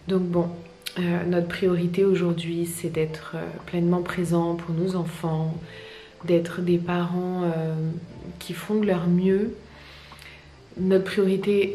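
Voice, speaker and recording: A young woman chatting casually to her viewers in a soft-spoken, hesitant and reflective way. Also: fairly low pitch. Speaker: vlogger and ASMR creator. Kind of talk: casual personal vlog, talking to viewers. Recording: roomy, echoey sound with faint music.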